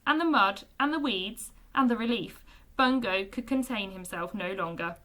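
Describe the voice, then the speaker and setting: A woman, a teacher, reading a children's book aloud with expressive storytelling. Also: high-pitched.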